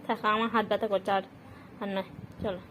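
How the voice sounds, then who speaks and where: A woman's voice: medium pitch, little pitch movement, brisk, fairly bright tone, a little hiss or hum. A woman at home talking baby talk to her pet, cooing and doting in a sing-song way. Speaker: pet owner.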